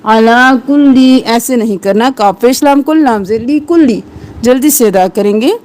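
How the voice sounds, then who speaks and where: High-voiced woman teaching Quran recitation. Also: warm tone. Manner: breaks words into letters and vowels, slow drawn-out recitation. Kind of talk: tajweed lesson, explaining and reciting slowly.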